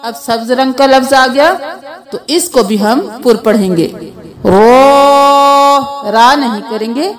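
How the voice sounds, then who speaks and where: A woman teaching a slow Quran reading lesson, explaining each letter patiently and drawing out the letter sounds for learners to repeat. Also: a little high. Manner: patient step-by-step instruction.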